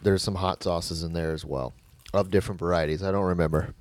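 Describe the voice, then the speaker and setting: Brief: laid-back young male podcast host, low-pitched, dry sound, casual and profane. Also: steady tone, fairly quick, darkish tone, dry recording. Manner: laid-back, joking, swears freely. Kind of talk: casual chat.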